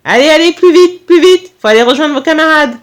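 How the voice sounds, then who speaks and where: A woman voicing a short, jovial but stern male school vice-principal with a strong Corsican accent, speaking firmly and briskly. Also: sits high, pitched above the performer's own voice, close to an everyday voice. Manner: firm, brisk, loud.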